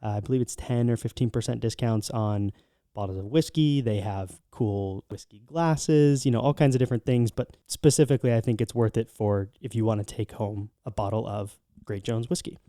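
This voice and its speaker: American guy cohosting a travel podcast, mellow voice, super dry recording, just chatting recs. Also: lowish voice, moderate pace, dry recording. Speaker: podcast co-host. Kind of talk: casual travel recommendation podcast talk.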